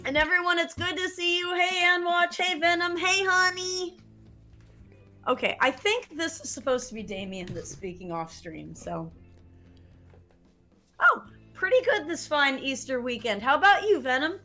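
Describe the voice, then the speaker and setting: A woman streamer chatting casually with her viewers and co-host, laughing and animated. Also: very high voice, moderate pace, soft background music. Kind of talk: casual live-stream chat.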